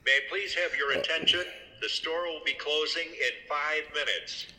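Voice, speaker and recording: A store announcer heard over a loudspeaker, making a brisk formal closing announcement from a distance. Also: mid-range voice.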